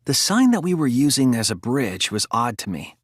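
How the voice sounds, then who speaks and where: In a dramatic English-language game dub, a video game voice actor plays a young male detective who reasons aloud with earnest, quiet resolve and an analytical mood. His medium-pitched, slightly rough voice swings widely in pitch, and his delivery is articulate and deliberate. The recording is completely dry.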